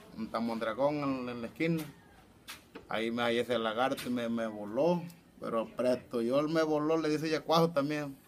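A man from the coast of Oaxaca, Mexico, with a local Spanish accent, telling his story in an interview, halting and repeating himself. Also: mid-range voice, background noise. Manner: halting, repetitive storytelling with many restarts. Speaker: fisherman recounting an attack. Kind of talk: interview testimony.

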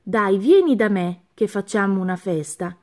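A woman's voice: mid-range voice, animated, moderate pace, a little mellow, lightly acted. A woman voicing a sly, greedy female snake in a storybook reading, with a wheedling way of talking.

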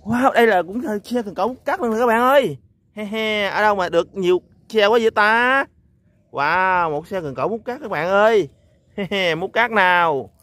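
A man's voice: sits high, fairly bright tone. A man hosts an outdoor toy-hunting vlog, exclaiming "wow" and chuckling as he talks to viewers. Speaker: toy vlogger. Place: outdoors on a sandy lot.

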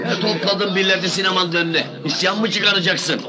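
Male actor, older cinema owner, high voice, grumbling, self-important bluster, film comedy, background music. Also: brisk, close to an everyday voice.

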